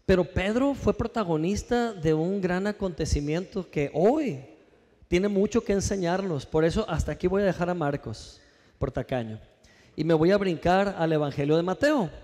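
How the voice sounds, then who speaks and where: Man, pastor, sermon, high voice, asks the congregation questions, echoing church hall. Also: moderate pace. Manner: lively preaching, rhetorical questions, calls for congregation response.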